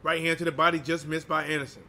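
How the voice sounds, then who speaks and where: Bright, high-voiced man calling boxing live. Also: little pitch movement, fast talker. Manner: slangy, informal, chatty with viewers. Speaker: boxing livestream commentator and channel host. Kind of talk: live boxing play-by-play commentary.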